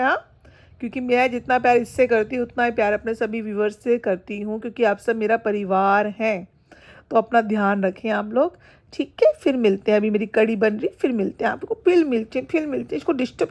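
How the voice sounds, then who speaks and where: High-pitched doting woman vlogger. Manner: doting, coos baby talk to her dog. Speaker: pet vlogger. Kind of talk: casual home vlog.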